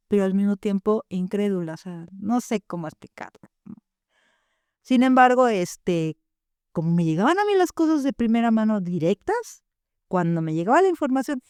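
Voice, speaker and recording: Animated woman, warm mellow voice. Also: mid-range voice, clear, resonant tone, no room sound, clean studio sound. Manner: animated, acts out quoted dialogue. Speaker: therapist guest. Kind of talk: casual storytelling.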